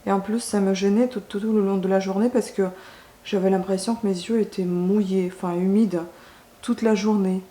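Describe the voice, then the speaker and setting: In a warm, medium-pitched voice with fairly even intonation, a woman chats at a moderate pace as she applies makeup for her beauty vlog. She hesitates and self-corrects often, with roomy echo and faint noise in the background.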